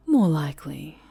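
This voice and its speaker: Low-voiced, slow possessive villainess played by a woman, breathy whisper, menacing and cloying, over faint music. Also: mellow, full character voice. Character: possessive fallen-hero woman villain with shadow powers. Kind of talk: whispered audio roleplay.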